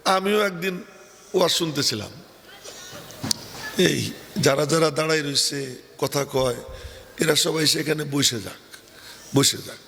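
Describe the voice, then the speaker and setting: Preaching outdoors to a crowd at a religious gathering, this older man speaks at a measured pace with frequent pauses, his voice a little high and fairly bright. He's chatty and teasing, dropping in asides, and the audio carries a long hall echo over faint background noise.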